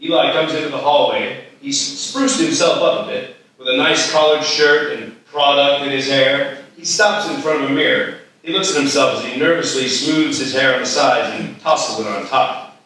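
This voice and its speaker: At a live festival table read of a screenplay, a man reads the stage directions as scripted narration in a medium-pitched, fairly even voice at a moderate pace with a sharp tone. The echoey hall is recorded from a distant mic, with faint noise.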